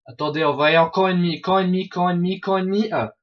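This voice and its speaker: A man giving excitable, profanity-laden commentary while playing an online game, often shouting at opponents. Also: high-pitched, very fast, muffled recording. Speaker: gaming video host. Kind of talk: Let's Play commentary.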